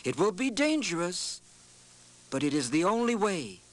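A man voicing a wise male coyote who counsels people, in a steady, earnest storybook delivery. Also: high-pitched, moderate pace.

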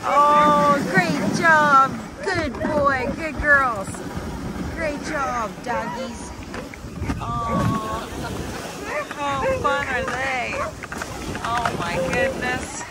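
A high-pitched woman narrates a travel vlog in an unhurried, gushing way, exclaiming often and cooing at the animals. She is recorded outdoors on a handheld camera, with loud wind and barking dogs behind her. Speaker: travel vlogger. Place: outdoors at a snowy glacier dog camp. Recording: outdoor wind and dog noise.

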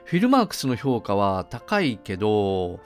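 A man's voice: lowish voice, big pitch swings, measured pace, faint music behind. A middle-aged man giving a casual solo film review, chatty and full of conversational asides.

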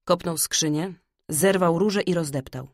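A woman narrating a fairy-tale audiobook in a calm, measured storytelling manner. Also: on the low side, no room sound, clean studio sound.

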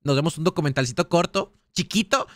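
A Mexican man streaming a survival horror game live, chatting excitably and casually with his viewers in slangy speech. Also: fairly high pitch, brisk, no echo. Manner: chatty, excitable, slangy, talks straight to chat. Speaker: gaming streamer. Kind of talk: live gaming commentary.

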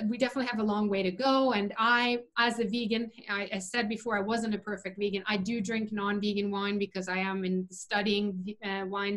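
An earnest woman speaks as a guest on a video call interview. She explains her views at length, opinionated and relaxed, with plenty of ums and uhs along the way. Her pitch sits in the middle. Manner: earnest, opinionated, many fillers. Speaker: interview guest, vegan chef. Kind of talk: casual conversational interview.

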